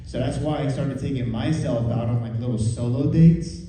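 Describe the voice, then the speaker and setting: A man's voice: mid-range voice, normal speed, warm tone. Echoey, self-deprecating male stand-up comedian. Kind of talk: stand-up comedy, conversational storytelling to a live audience. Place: live comedy room with audience. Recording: echoey room, distant, faint noise.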